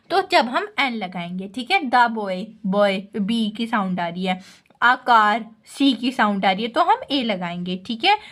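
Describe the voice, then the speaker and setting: An Indian woman teacher giving an exam-focused grammar lesson. She reads English lines slowly, then explains each one, often tagging "ठीक है". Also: high voice, a bit bright.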